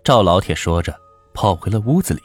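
A man narrating a folk ghost story in a steady, measured way, dropping his voice low for suspense. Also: breathy edge, no room sound, soft background music. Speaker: storyteller host.

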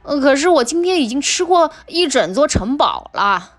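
A woman voicing a boastful, lazy male dragon in a storybook reading, with a slow, smug drawl. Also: high-pitched, sing-song, faint music behind, pitched above the performer's own voice. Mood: dismissive.

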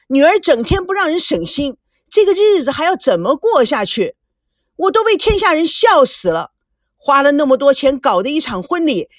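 A woman's voice: sits high, no echo, voice pushed up. A woman voicing a furious middle-aged rich husband and father who bellows bitter complaints, in a dry close recording.

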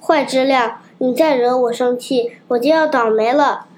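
A woman's voice: high-pitched, moderate pace, slight background noise, close to an everyday voice. A woman reading a storybook, voicing a naughty, rude wooden puppet boy who talks brashly. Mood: defiant. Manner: brash, shouting, cheeky.

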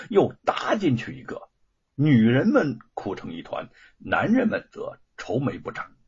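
A man narrating a novel as an expressive storyteller. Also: husky. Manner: expressive storytelling with swooping pitch. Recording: dull lo-fi recording.

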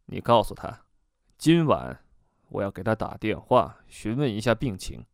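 A man reading the lines of a calm, determined woman hypnotist in an audiobook, in a low and measured way. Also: vocal fry, no room sound, studio quality. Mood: steady.

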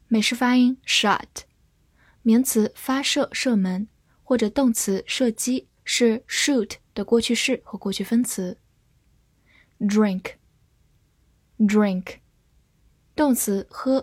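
A woman teaching English vocabulary, reading each word slowly and carefully in a scripted lesson. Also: on the high side, husky, dry recording.

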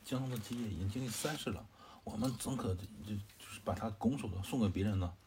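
A man retells an old tale in a relaxed, chatty way, pausing to explain and to quiz his listeners. His voice is very low and dark, with soft drawn-out particles. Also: a little hiss or hum. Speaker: storyteller. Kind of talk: casual explanatory story retelling.

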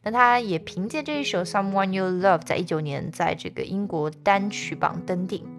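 A woman giving an online singing lesson, chatty and encouraging, stopping often to sing lines slowly for the learner. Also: medium pitch, soft background music. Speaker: singing teacher.

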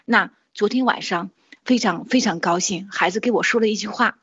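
A woman's voice: medium pitch, normal speed, a bit bright, husky, lo-fi sound. A woman, likely in her forties, earnestly sharing a personal testimony in a casual monologue, with frequent hesitations and restarts.

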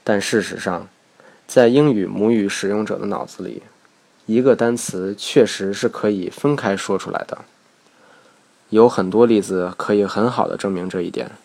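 A man whose first language is Chinese, giving a scripted lesson in a measured, explanatory way, slowing down to demonstrate words. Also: fairly low pitch, vocal fry, darkish tone. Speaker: English teacher.

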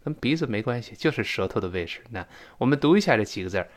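A man teaching English pronunciation in a lively, joking way, demonstrating sounds aloud. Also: medium pitch, fast talker. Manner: animated, jokey, demonstrates sounds. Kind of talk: lively spoken lesson.

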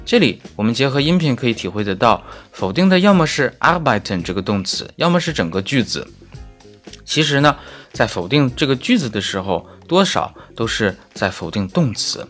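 A man who speaks Chinese natively teaches German grammar at a normal speed in a sing-song voice full of varied intonation. Soft music plays faintly in the background as he mixes didactic explanation with casual, conversational asides and carefully spoken examples.

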